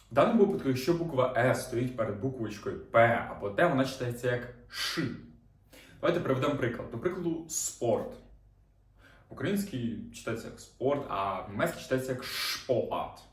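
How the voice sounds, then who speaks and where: A male teacher leads a beginners' lesson in a calm, patient way. He repeats example words slowly so learners can follow. He sits off the mic, so the room's echo carries his voice. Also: mid-range voice, recorded from a distance. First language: Ukrainian. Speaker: German teacher. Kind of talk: lesson explaining reading rules. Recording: roomy, off-mic sound.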